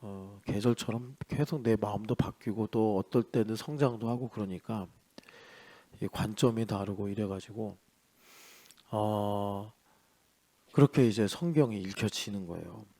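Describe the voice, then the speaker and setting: In church, a male pastor delivers an early-morning sermon with a lowish voice at a measured pace. His manner is chatty, full of rhetorical questions, and his volume swings from loud to soft.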